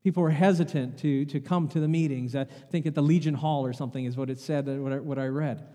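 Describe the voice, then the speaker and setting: This man speaks at a medium pitch with a steady, dark tone and a quick pace. As pastor, he's giving a sermon in the church sanctuary, chatting with the congregation and asking rhetorical questions, all echoing with long hall reverb.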